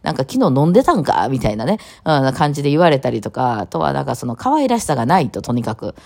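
A woman with a Kawachi Osaka accent and a low, gravelly voice, chatting on her own in a rapid-fire, piling-on way. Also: very animated, a little mellow. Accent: Kawachi Osaka dialect. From Kawachi, Osaka, Japan. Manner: rapid-fire, piling on one topic after another. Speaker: radio talk host. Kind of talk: casual solo talk.

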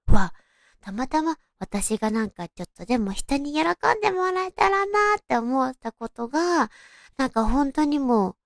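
A young woman, host of a solo audio show, speaks in a cute, distinctive anime-like voice that leans high and creaky. She gives a casual talk, introducing herself in a polite and friendly way, recorded with clean studio sound and no echo.

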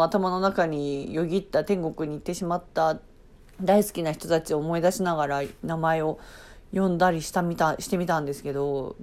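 A woman's voice: lowish voice, darkish tone. A woman casually telling a story on her own as a podcast host, chatty, breaking off for playful asides and acting out sounds and reactions.

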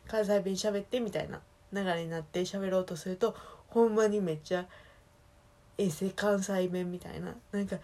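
A woman from Osaka speaking with a Kansai accent, chatting casually alone in a relaxed, rambling way that keeps correcting itself. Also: fairly low pitch. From Osaka, Japan. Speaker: solo podcast talker. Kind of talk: casual solo chat.

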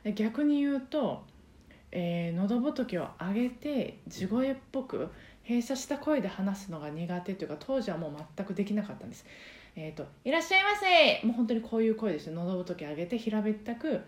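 A woman hosting a casual solo podcast, talking in a soft, breathy voice with many fillers as she explains things. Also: mid-range voice, expressive, brisk, reverberant. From Osaka, Japan. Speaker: podcast host and karaoke teacher.

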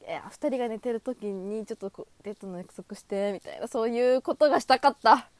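A woman's voice: quick pace, no room sound. A young woman in her twenties talking casually and self-deprecatingly on a solo podcast, giggling and acting out imagined conversations. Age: 20s. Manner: animated, high-energy, acts out imagined dialogue.

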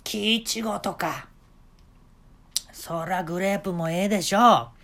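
A man voicing an eccentric middle-aged male restaurant master with a Kansai accent, in a high, drawn-out, teasing voice. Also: gravelly, bright, forceful tone, full character voice. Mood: playful teasing. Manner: flamboyant, playful, slightly creepy. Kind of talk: comic storytelling.

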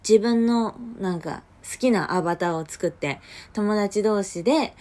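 A young woman hosting a casual solo podcast late at night, chatty and lively, often bursting into a louder voice. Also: medium pitch, a little slow. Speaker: podcast host. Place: home at night.

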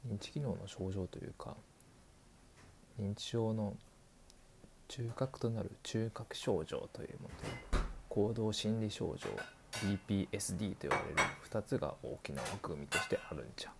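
A man voices an elderly male doctor in a scripted explainer dialogue, patiently explaining and drawing out old-fashioned sentence endings. His voice is lowish with vocal fry at a normal pace, and the background is noisy.

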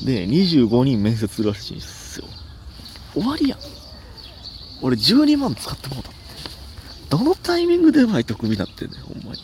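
A young man with a Kansai accent chats alone on his comedy podcast, wandering from story to story and poking fun at himself. His pitch swings widely as he talks, with a gravelly, creaky edge. A faint hiss of noise sits under the voice. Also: fairly quick, pauses often. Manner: rambling, self-mocking, animated outbursts. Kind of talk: casual solo podcast chat.

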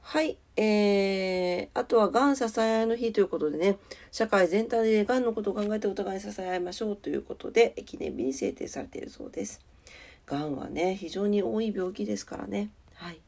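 A woman's voice: medium pitch, brisk, a little mellow. A woman with a congested, nasal voice hosting a casual morning radio-style show in a polite, chatty way. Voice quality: nasal, stuffed-up voice. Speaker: solo morning audio show host. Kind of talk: casual morning radio-style chat with weather and daily notes.

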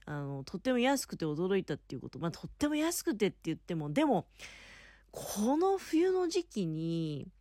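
A woman's voice: medium pitch, darkish tone, no room sound, clean studio sound. A woman chatting casually on her own as a podcast host, talking in a chatty, polite, explanatory way from under the covers in bed. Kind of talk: casual solo chat. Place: in bed under a futon at home.

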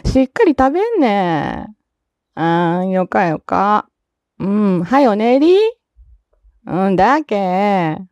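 A woman's voice: medium pitch, animated, slow pace, pauses often, a little mellow, no echo, voice pushed down. A woman acting out one side of a phone call as a young, affectionate woman with a put-on Fukuoka dialect, coaxing and teasing her partner. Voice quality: sweet, playfully coaxing.

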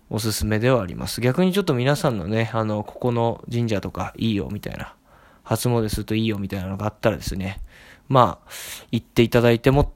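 A man's voice: medium pitch, dry recording. Rambling young man in a dry kitchen. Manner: rambling, wry, self-deprecating chatter. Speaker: podcast host. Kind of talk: solo casual monologue. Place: home kitchen.

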